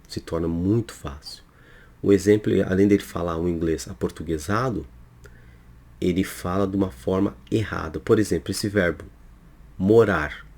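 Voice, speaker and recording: A man's voice: low voice, a little mellow. A Brazilian man teaching English pronunciation, explaining his course over slides in a didactic way and often checking in with his listeners.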